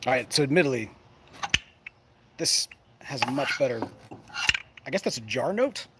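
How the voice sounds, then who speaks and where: A man's voice: medium pitch, animated, moderate pace. A man chatting casually to camera as a show host, folksy and playful, often rambling and breaking off mid-thought. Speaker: host of a pipe smoking show. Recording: clear background noise, ambient sound.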